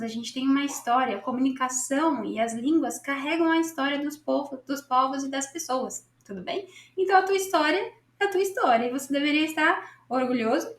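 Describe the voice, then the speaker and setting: Brazilian lady english teacher, high voice, echoey room, keeps saying tudo bem. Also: a bit bright. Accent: Brazilian Portuguese. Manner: chatty, encouraging, keeps asking "tudo bem?". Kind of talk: casual online English lesson.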